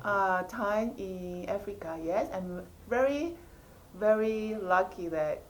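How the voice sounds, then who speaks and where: A woman's voice: medium pitch, slow, slight background noise, rough recording. A woman from Taiwan, an actress as a podcast guest, speaking hesitantly and searching for words. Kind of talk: casual interview chat.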